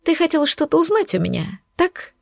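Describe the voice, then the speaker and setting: Woman voicing a sharp-tongued young maid, scoffing, high and mocking, storybook role, dry sound. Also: sing-song, moderate pace, creaky, dry recording, full character voice. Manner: mocking, scoffing, raised pitch.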